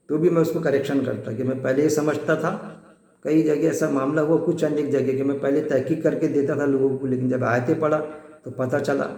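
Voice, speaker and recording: A man's voice: a little high, mellow, echoey room. A man giving an informal religious lesson, talking conversationally, repeating his points and using everyday examples. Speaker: Quran teacher.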